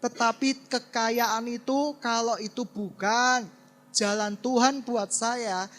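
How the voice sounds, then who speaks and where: A male pastor preaching a sermon. He swings between loud exclamations and quiet asides. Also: very high voice. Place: church hall. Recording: long church-hall reverb.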